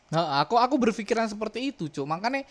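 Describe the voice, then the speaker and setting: A young man with a fairly high voice joins a relaxed podcast chat. He jumps in with quick agreement and blunt slang, building on his co-host's points. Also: very noisy. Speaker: podcast co-host. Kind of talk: casual chat.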